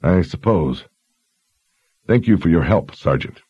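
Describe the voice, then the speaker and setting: Deep quiet lord, stern but kind, husky and dull sound, read by a man. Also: animated, no room sound, heavily acted. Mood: grave. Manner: quiet, grave, measured.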